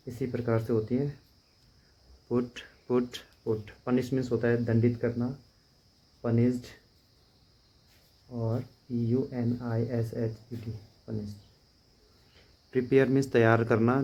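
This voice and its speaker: Guy drilling english verbs over and over, mellow flat voice, kinda muffled lo-fi sound. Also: mid-range voice. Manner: steady, repetitive drilling of word forms, spells words letter by letter. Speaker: English teacher. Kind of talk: vocabulary lesson. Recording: dull lo-fi recording.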